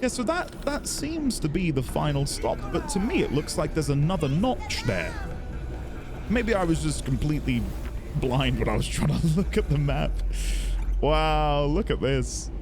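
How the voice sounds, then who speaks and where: Chatty man with lively pitch over game music. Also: measured pace. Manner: chatty, musing, mild swearing. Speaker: let's play host. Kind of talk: casual gameplay commentary.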